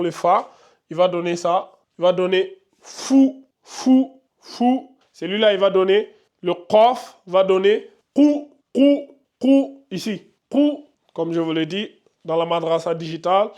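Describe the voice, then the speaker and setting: A fairly high-voiced man whose first language is Pulaar teaches a whiteboard lesson on the Arabic alphabet. He draws each syllable out and says it several times over. Between drills he talks to his learners in a chatty, direct way. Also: a little mellow. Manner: repeats syllables slowly, drawn out.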